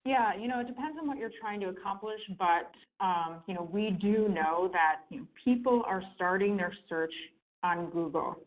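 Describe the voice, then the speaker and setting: A woman's voice: medium pitch, normal speed. A woman speaking as a guest expert over a conference call line. She explains in an easygoing, conversational way and uses plenty of filler words. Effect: heard over a conference call phone line. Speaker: guest expert on client reviews. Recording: tinny phone-line teleconference audio.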